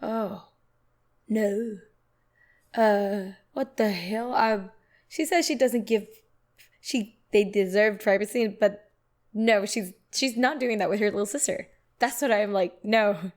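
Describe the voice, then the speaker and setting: Speaking slowly at a medium pitch, a young woman hosts a reaction video. She talks back to the clip casually and with energy, laughing often.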